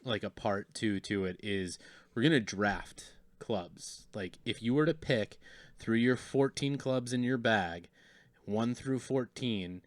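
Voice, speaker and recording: Man, low voice, easygoing co-host, joking, dry close sound. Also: slow, dry recording. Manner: laid-back, joking, guides the segments. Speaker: podcast co-host. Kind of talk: casual chat.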